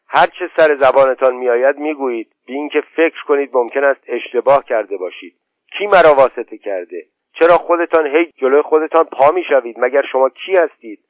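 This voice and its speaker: A man's voice: medium pitch, no echo, lightly acted. A proud, touchy young chieftain flares up at every slight, his voice climbing as he protests, as an audiobook narrator puts him on. The sound is dry and thin, like a phone line. The voice sits in a middle range. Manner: indignant, quick to take offense.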